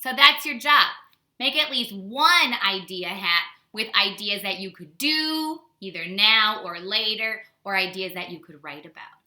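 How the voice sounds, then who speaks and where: Speaking a little slowly at medium pitch, an American woman uses a very bright, forward voice as a teacher for young kids. She gives an animated, casual storytime lesson in simple words, asking the listener questions. It's recorded indoors at home in an echoey, reflective room.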